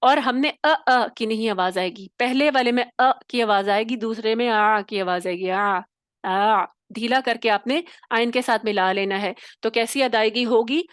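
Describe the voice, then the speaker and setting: High-voiced woman teaching recitation. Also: smooth, no echo, clean studio sound. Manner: explains step by step, demonstrates sounds, checks with "theek hai?". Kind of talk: tajweed lesson.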